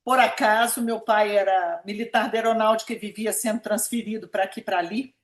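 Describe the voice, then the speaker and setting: A woman of about seventy with a Minas Gerais Brazilian accent recalls her life in a conversational interview, often repeating words for emphasis. She is a pediatric nephrologist, and her mid-range voice moves briskly with fairly even intonation. The room sounds echoey.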